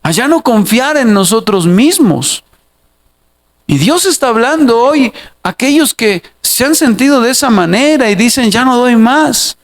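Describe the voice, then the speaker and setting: A man's voice: extremely high pitch, sing-song, moderate pace. A male pastor preaching an expository sermon, reading Bible verses aloud and putting questions straight to the congregation. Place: church.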